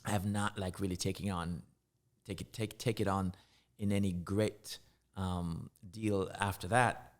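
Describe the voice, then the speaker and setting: A middle-aged man from Jamaica, a guest artist talking in a casual interview, reflective and halting, often restarting his sentences. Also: low-pitched, steady tone.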